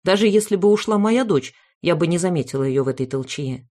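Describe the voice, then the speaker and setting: A woman reading aloud a humorous family story in the first person, with wry, lively storytelling. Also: fairly low pitch, fairly quick. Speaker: audiobook reader.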